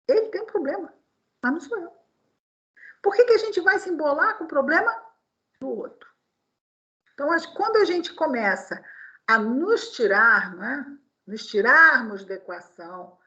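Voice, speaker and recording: A woman's voice: high voice, bright, forceful tone, muffled recording. A Brazilian woman giving a spiritist public talk, acting out quoted voices and asking rhetorical questions. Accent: Brazilian Portuguese. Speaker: spiritist lecturer.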